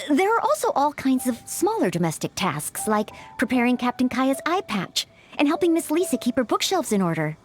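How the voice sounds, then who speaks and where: An actress voices a polite, eager young maid in a video game who dreams of knighthood, speaking with apologetic hesitance. Her female voice sits high and is a little mellow.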